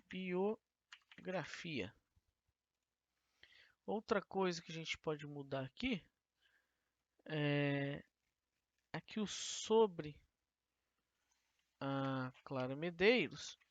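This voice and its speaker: A woman's voice: on the low side, dry recording. A woman teacher talks through a coding tutorial step by step and asks and answers her own questions. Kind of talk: screen-recorded coding tutorial. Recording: dull, lo-fi dry screen recording.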